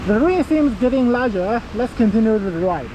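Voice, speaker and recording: A young Chinese man speaks English as a second language, with a Chinese accent, in a casual motorcycle gear vlog, using plain, practical wording and pausing often. His voice is very high and animated. He starts outdoors riding a motorbike in the rain, then moves to a small indoor room, and the lo-fi audio is dull with traffic noise.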